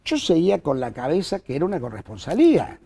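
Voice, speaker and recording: Gravelly Argentine man telling a story. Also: fairly high pitch, wildly swooping pitch, fast, mellow. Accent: Argentine Spanish. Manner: hesitant, with frequent "eh" fillers. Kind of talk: telling a personal anecdote.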